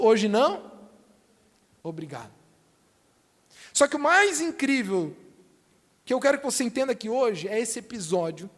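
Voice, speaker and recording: High-voiced Brazilian pastor preaching. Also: male voice. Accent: Brazilian Portuguese. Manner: animated, repetitive, emphatic storytelling. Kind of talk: sermon. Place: church hall. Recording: reverberant church hall.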